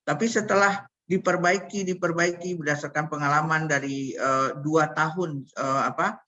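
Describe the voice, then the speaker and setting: A man's voice: fairly high pitch, steady tone, normal speed, bright, forceful tone, lo-fi sound. A man giving an online workshop talk over a video call, hesitant, with frequent fillers. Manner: hesitant, many fillers, addresses audience as Bapak dan Ibu. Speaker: speaker presenting on literature review.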